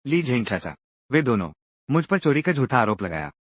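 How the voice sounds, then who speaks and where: A man's voice: mid-range voice, sing-song, moderate pace, no room sound. A man narrating a drama recap and voicing every character's lines himself, acting each one out in turn.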